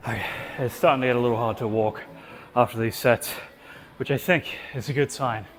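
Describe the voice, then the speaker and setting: Man, mid-pitch, vlogging a workout in a gym, casual and sweary, winded between sets. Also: steady tone, fairly quick. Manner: chatty, swears freely, breathy between sets. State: out of breath. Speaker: fitness vlogger. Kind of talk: casual gym vlog narration. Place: indoor gym.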